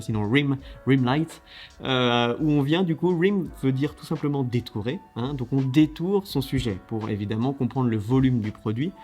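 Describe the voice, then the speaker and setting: A man with a medium-pitched voice hosts a casual video, judging contest entries in a lively, chatty style packed with fillers and restarts.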